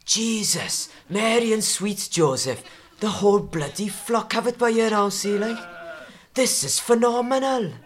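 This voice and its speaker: A woman's voice: medium pitch, a little slow, natural voice. A woman voicing a brash farm woman who scolds bluntly.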